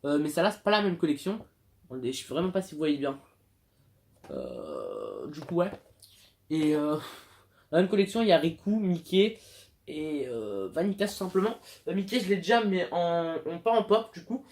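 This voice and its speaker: A man's voice: a little high, big pitch swings, normal speed, vocal fry, a little mellow. Rambling young man showing off collectibles. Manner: rambling, hesitant, many fillers and self-mocking asides. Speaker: YouTuber showing collectible figures. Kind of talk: casual unboxing vlog.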